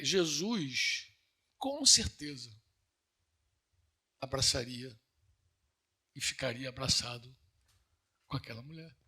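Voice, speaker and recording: A man's voice: pushed and bright, slightly rough. A man with a Brazilian Northeastern accent preaching a sermon in an earnest, conversational way, asking his listeners questions and building to emphatic peaks. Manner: rises to emphatic high-pitched peaks.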